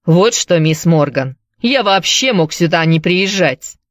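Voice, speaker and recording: Young male innkeeper, curt and defensive, read by a woman in her own low voice. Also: expressive, unhurried, dry recording, clean studio sound. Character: young male tavern keeper, irritable.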